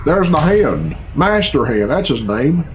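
A middle-aged man hosting a reaction video grumbles sarcastically and with bemusement, tossing out casual, profane commentary. His voice sits on the high side with big swings in pitch, his pace is unhurried, and the recording is rough. He's indoors in a small bedroom, with video game cutscene music playing behind him.

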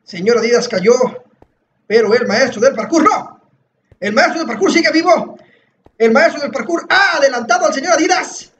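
High-voiced excitable male gamer. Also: moderate pace, a little hiss or hum. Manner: excitable, dramatic self-hype, mock-heroic third-person boasting; frequent exclaiming and shouting. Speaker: gamer playing a parkour map. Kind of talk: excitable gameplay commentary.

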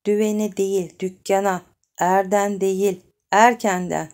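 A prim, refined wife, fussy and exasperated, picking apart every word her husband says, as a woman voices her in an audiobook. The tone is mellow and low-key. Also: level tone, unhurried, clean tone, natural voice. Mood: correcting.

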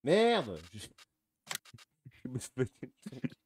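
A man with a Norman accent streaming a farming game with friends, jokey and excitable, swinging between loud teasing and mumbling. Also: medium pitch, slow pace, a little hiss or hum. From France. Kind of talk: casual gaming chat.

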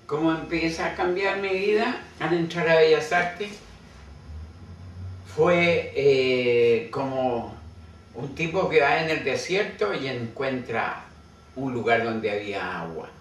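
An older man, a painter and writer, narrating a reflective story in a slow, musing way with hesitant fillers. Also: medium pitch, fairly bright tone. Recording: echoey, distant mic with noisy ambience.

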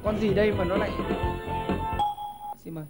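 A man hosting a TV quiz show in a studio, giving lively hints and often stumbling over repeated words. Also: high voice, normal speed, over loud music. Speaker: game show host.

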